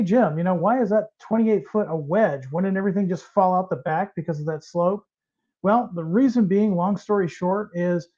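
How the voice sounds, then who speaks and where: A man's voice: on the high side, mellow, dull audio. A middle-aged man from Central Illinois, hosting a live model train show in a folksy, chatty way, his voice a little strained from allergies. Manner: folksy, chatty, reads out viewer names. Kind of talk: casual live-stream hosting.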